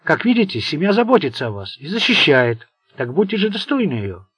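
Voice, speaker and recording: A man's voice: on the high side, sing-song, brisk, a bit bright, slightly rough, pitched above the performer's own voice, heavily acted. A man voicing an old, contemptuous, domineering mafia boss in an audiobook. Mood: commanding. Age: older. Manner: contemptuous, commanding.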